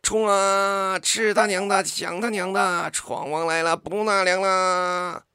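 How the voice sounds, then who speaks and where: A man voicing a horde of tiny ants yelling rowdy battle cries from a distance. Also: sits high, level tone, takes it slowly, smooth, dry recording, clean studio sound, pitched above the performer's own voice, full character voice. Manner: rowdy battle-cry shouting.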